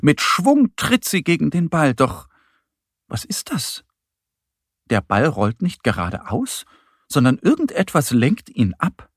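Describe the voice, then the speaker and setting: A man narrating a children's audio story in a lively, expressive way, with a husky voice. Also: fairly high pitch, unhurried, dry recording, studio quality.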